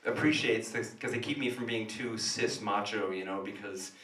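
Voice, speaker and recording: A man doing crude, self-mocking stand-up comedy in a small cafe, with a rough, wrecked voice. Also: on the low side, normal speed, fairly bright tone. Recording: echoey room, distant mic, live music.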